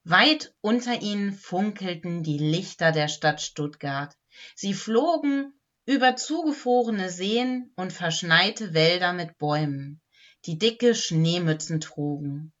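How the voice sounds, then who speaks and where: A woman in a clown role reading a Christmas storybook aloud, playful and animated. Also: fairly low pitch, slow, dull audio.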